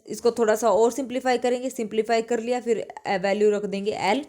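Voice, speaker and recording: A woman's voice: fairly high pitch, steady tone, brisk, dark tone. Woman teaching math with rhetorical questions. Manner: explains step by step with many rhetorical questions. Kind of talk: exam-prep math lecture.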